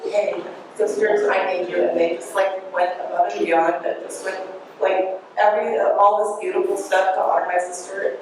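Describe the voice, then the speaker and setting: A woman gives a eulogy in a church, laughing through tears and slipping into playful impressions of her family. She is picked up from far off, so her voice rings through a very echoey hall over steady background noise. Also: mid-range voice, moderate pace. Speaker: family member giving a eulogy. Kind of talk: memorial speech.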